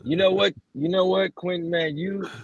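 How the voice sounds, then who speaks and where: A man's voice: high-pitched, fairly even intonation, normal speed, gravelly, no echo, highs cut off. A man in casual stream banter, teasing and profane, repeating his jabs.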